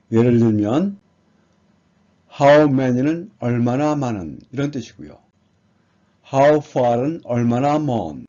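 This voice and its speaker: A man gives an exam prep lesson, reading words aloud and patiently explaining each one. He speaks very slowly in a husky, mellow voice. The recording sounds dull and lo-fi. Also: medium pitch. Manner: slow, patient explaining, reading English words then glossing them. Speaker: English teacher.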